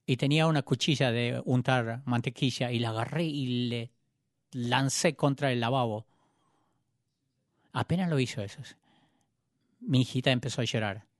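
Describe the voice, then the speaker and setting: A male preacher telling a personal story in a sermon, moving between raised, urgent passages and hushed, quiet ones. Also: mid-range voice, moderate pace, long pauses, dry recording, clean studio sound. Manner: dramatic storytelling, swings between loud and hushed.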